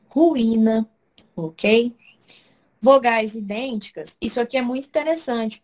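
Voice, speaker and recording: A woman teaching Portuguese in an online class, explaining step by step and checking in often with her students. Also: medium pitch.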